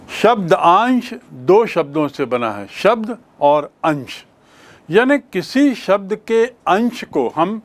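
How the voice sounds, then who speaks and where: A male teacher, explaining grammar in a classroom lesson, slowly repeating and spelling out words. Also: fairly high pitch. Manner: slow, repeats and spells out words, mixes English phrases.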